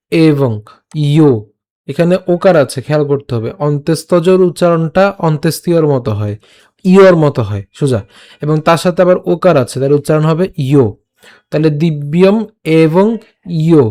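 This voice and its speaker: রাগী নয়, ধৈর্যশীল বাঙালি পুরুষ শিক্ষক. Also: male voice, on the high side, warm tone. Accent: Bengali. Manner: explains patiently, breaks words into syllables and repeats them. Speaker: Gita recitation teacher. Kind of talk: online lesson with slow syllable-by-syllable recitation.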